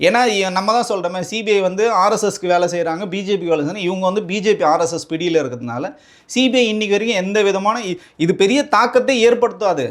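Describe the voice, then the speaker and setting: A man's voice: sits high, fast. A man, a political spokesman with a Tamil Nadu accent, speaking in a heated interview and firing off combative rhetorical questions.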